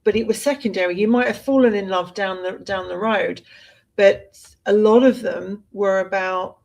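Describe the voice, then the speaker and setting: A woman from Britain co-hosting a casual podcast chat, talking in an animated way with restarts and laughs. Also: medium pitch, moderate pace, gravelly, rough recording. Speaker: co-host.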